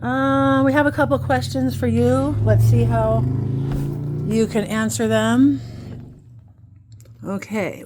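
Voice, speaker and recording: A woman teaching a children's phonics lesson, slowly sounding out letters and syllables in an encouraging way. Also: fairly high pitch, a little mellow. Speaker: kindergarten teacher.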